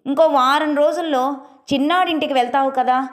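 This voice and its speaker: A woman's voice: high voice, steady tone, moderate pace, natural voice. A woman voicing a tired grown son, a poor villager caring for his mother. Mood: curt.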